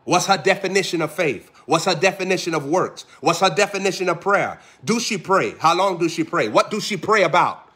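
A man's voice: high-pitched, animated, fairly quick, hardly any pauses, sharp tone. A man a sermon, driving his points with rhythmic repeated phrases and pointed questions. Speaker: preacher.

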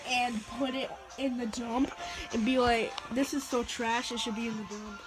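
A woman's voice: on the high side, steady tone, moderate pace, natural voice, rough recording. A woman voicing a goofy male creeper dad who rambles and jokes, with pop music playing behind. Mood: joking. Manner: silly, rambling, joking.

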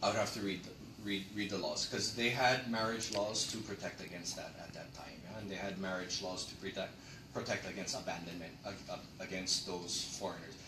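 Captured by a distant camera in an echoey classroom with a projector screen, a middle-aged land-history lecturer talks emphatically and asks rhetorical questions. His voice sits low with fairly even intonation and a brisk pace, against background noise.

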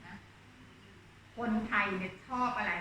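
A woman's voice: takes it slowly, bright, forceful tone. A woman teacher explaining classical verse to her class in plain talk, acting out the characters' thoughts. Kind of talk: classroom lesson on Thai literature. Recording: distant, muffled, echoey, noisy.

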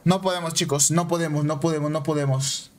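A Mexican man streaming a game, chatting excitably with viewers and repeating himself. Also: fairly high pitch, a little fast. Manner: excitable, repeats phrases, banters with chat. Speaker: gaming streamer. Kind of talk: casual live-stream chat over gameplay.

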